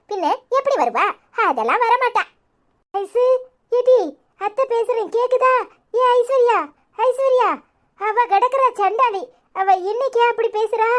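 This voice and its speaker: This is a woman playing a sharp-tongued cartoon aunt with a thick Tirunelveli accent. Her voice sits extremely high and shrill. She nags, taunts and yells as if the whole household should hear. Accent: Tirunelveli Tamil. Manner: nagging, shouting at the phone. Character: scolding middle-aged aunt, sharp-tongued and dramatic.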